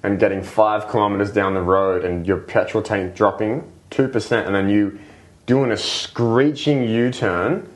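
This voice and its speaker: Low-voiced man explaining breathwork. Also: fairly even intonation, normal speed, few pauses. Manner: explains patiently, many fillers and "right?" checks. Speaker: breathwork coach, podcast guest. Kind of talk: casual explanatory interview talk.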